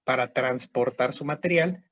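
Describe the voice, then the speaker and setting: A man's voice: mid-range voice, moderate pace, a bit bright, no echo, lo-fi sound. A man teaching a histology class online, explaining step by step and checking in with students. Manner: explanatory, repeats terms, frequent "¿sí?" and "¿verdad?" checks.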